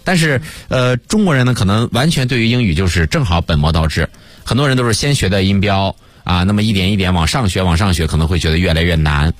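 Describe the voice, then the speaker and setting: A man, an English teacher, chatting as a guest on a radio talk show and telling lively stories. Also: low-pitched, quick pace, no room sound. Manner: lively storyteller, mimics English accents. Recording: dry studio radio mic.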